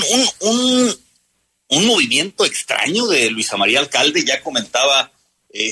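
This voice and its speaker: A man's voice: medium pitch, pushed and bright, slightly rough. A man with a Mexican accent commenting on a radio panel, hesitant, with many fillers and repeated words. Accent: Mexican Spanish. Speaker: political panelist.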